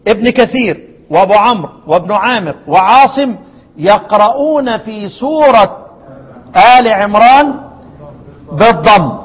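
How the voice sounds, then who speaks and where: A man with an Egyptian accent teaching Quran recitation to a class, asking questions and dropping into slow chanted verses. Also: sits high, breathy edge. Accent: Egyptian Arabic. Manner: asks the class questions and repeats answers. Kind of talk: classroom lesson. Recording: long hall reverb.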